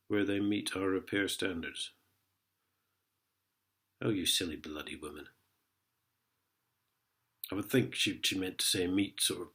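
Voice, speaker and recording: Fighting a sniffly head cold, a man chats sarcastically in his ranting vlog and chuckles while reading letters out loud. His voice is lowish but a bit bright.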